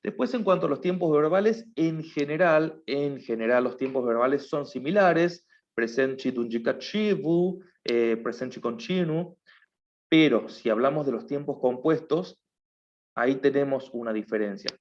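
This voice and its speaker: A male teacher talks his students through a lesson at an even, unhurried pace. His voice sits at a middle pitch. He keeps checking that everyone is following. The recording is muffled and lo-fi. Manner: explains patiently, often checks with a questioning "right?". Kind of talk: online class lecture.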